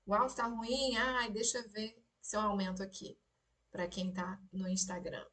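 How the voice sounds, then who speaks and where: A woman's voice: mid-range voice, little pitch movement, moderate pace, fairly bright tone. A woman teaching a casual live lesson on song lyrics, explaining in a chatty way and checking in often with her listeners, recorded on a phone set a little away from her. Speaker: Spanish teacher.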